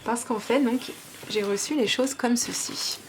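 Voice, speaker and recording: A woman's voice: fairly high pitch, unhurried. French woman vlogger, gushing unboxing chat, lots of fillers, faint hiss behind. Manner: gushing, chatty, many fillers.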